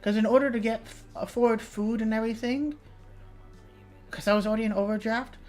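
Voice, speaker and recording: A woman's voice: on the high side, fairly even intonation, fairly quick, a little mellow. A young woman VTuber chatting casually on a livestream, reading chat and swearing freely, with light music behind. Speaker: VTuber streamer.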